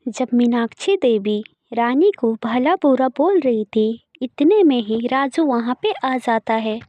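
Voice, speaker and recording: A woman narrating a moral story in a plain, steady way. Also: a little high, takes it slowly, no room sound, muffled recording. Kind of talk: scripted narration.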